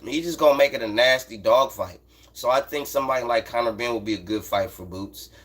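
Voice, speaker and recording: This American boxing livestream host talks fairly quickly at medium pitch with a slightly bright voice. Answering chat in unscripted sports commentary, he uses blunt, profane, emphatic slang and hammers his points home by repeating phrases.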